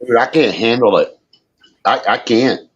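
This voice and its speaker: A man's voice: medium pitch, moderate pace, breathy edge. A man in his fifties chatting casually in a folksy way, swearing easily. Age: 50s. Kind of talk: casual chat. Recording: dull, muffled sound.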